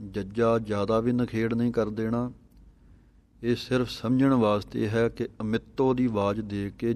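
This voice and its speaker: Low-voiced guy going line by line through verses, chanting them slow then explaining, pretty flat. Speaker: scripture pronunciation teacher. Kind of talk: slow, careful recitation lesson.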